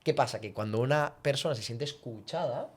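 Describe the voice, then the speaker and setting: A man, a communication coach talking on a podcast, lively, acting out quoted lines. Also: brisk, slightly rough. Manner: animated, acts out quoted speech with big pitch jumps. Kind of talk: podcast conversation, teaching.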